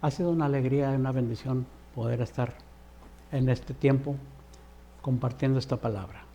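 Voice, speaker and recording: A man's voice: medium pitch, steady tone, moderate pace, gravelly, mellow, slight background noise. A man preaching an earnest televised sermon, exhorting the viewer directly.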